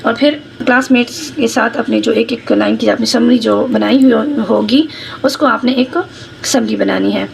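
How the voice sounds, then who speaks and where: A woman English teacher, dictating answers slowly and explaining them quickly. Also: on the high side, gravelly, a little hiss or hum, poor audio. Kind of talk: classroom lesson, reading slowly in English and explaining fast in Hindi.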